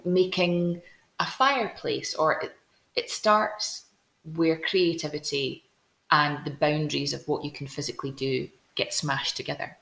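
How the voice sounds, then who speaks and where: This is a Scottish woman with a deep, low voice, speaking in a casual and enthusiastic way and circling back to restart her thoughts. Her voice rings in a roomy, echoey space. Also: vocal fry, fairly bright tone. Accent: Scottish, Glasgow. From Scotland. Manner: enthusiastic, storytelling, with frequent restarts. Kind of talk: casual chat.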